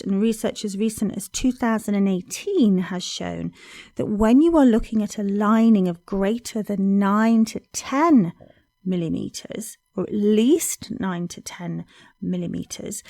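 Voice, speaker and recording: A woman hosting a podcast, explaining in a calm, informative monologue with frequent ums. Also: mid-range voice, creaky, no room sound. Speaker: fertility podcast host.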